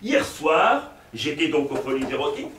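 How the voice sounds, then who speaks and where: A male stage actor playing a fussy, lecherous middle-aged provincial professor in a live farce, with theatrical, excitable delivery and chuckling asides to the audience. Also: a little high, moderate pace, slight background noise. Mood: comic. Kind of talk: live stage comedy performance. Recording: roomy stage sound from a distant mic.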